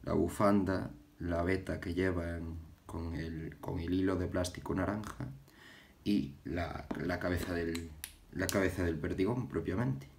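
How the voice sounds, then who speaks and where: Deep-voiced man tying a fly. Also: fairly even intonation, creaky, a little mellow, a little hiss or hum. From Galicia, Spain. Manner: halting, repeats words while working with his hands. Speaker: fly-tying channel host. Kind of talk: casual fly-tying tutorial. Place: indoors at a tying bench.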